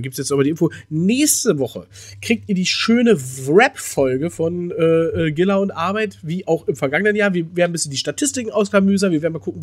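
A man co-hosting a casual podcast, telling stories in a rambling way with many fillers and restarts. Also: high-pitched. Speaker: podcast co-host.

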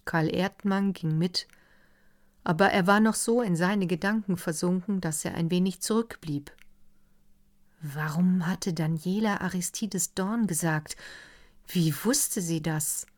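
A woman reads a classic novel aloud in a calm, deliberate audiobook style. Her voice sits low and her pace is unhurried, giving every phrase room. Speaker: narrator. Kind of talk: audiobook reading of classic literary fiction.

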